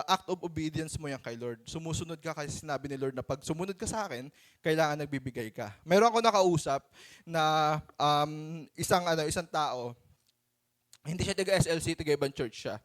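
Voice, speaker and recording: A Filipino man preaching a sermon to his church in a conversational, animated way, acting out stories. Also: a little high, normal speed.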